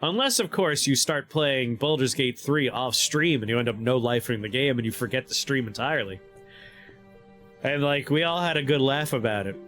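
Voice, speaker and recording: A man streaming a video game, chatting casually and excitably with his audience, laughing often and reading the game's text aloud. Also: medium pitch, normal speed, faint music behind.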